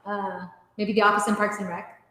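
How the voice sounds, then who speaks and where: A woman's voice: mid-range voice, little pitch movement, moderate pace, fairly bright tone. A woman hosting a casual trivia stream, chatting and reading quiz questions aloud. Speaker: trivia night host. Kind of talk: casual livestream chat. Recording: very echoey room with long reverb.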